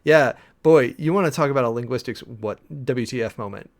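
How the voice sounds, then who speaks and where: A man preparing a sermon out loud, casually thinking through scripture with many fillers and restarts, sometimes slowly reading Greek. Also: mid-range voice. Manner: reads and parses Greek text slowly. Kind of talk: casual sermon-prep talk.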